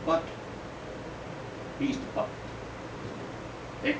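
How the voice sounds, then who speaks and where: A male poet reads his own poems slowly at an indoor live poetry event, adding informal asides. Captured from off to the side, the live recording is roomy, distant, dull, and noisy.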